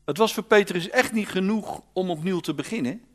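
Animated male preacher. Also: sits high, brisk. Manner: animated storytelling, swings from loud to hushed. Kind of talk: sermon.

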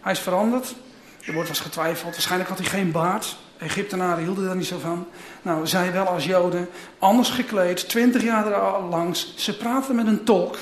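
A man's voice: sits high, steady tone, normal speed, a little hiss or hum. A man preaching a sermon, retelling and reading a Bible story in a conversational way with small asides. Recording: roomy echo.

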